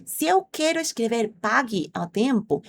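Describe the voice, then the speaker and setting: A Spanish-speaking woman teaches Portuguese online, using a fairly high, sing-song voice at an unhurried pace, with slight background noise. She explains patiently, drills verb conjugations, and quizzes her viewers directly.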